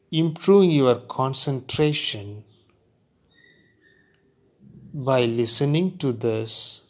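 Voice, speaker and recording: A man with a calm voice guiding a relaxation exercise in an unhurried, deliberate way, leaving long pauses between short phrases. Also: medium pitch. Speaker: guided meditation instructor. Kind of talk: guided relaxation narration.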